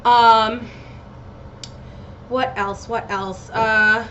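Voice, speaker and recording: A high, bright-voiced American woman chats loosely on her solo podcast. She is giggly, scattered and a little loopy, swearing freely as she wanders between thoughts. The recording is muffled and lo-fi, like a home setup. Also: flat delivery, drawn-out words, a little hiss or hum. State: slightly loopy on painkillers. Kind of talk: casual rambling solo chat with swearing.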